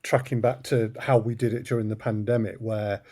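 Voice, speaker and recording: An audio drama co-creator and producer, appearing as an interview guest, explains his production work conversationally. His fairly low, mellow voice moves fairly quickly with little pitch movement. The sound is studio quality with no echo.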